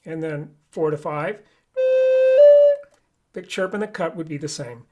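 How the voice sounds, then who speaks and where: A man's voice: a little high, a little slow, loud music behind the voice. A man teaching a live online flute lesson, explaining each step patiently.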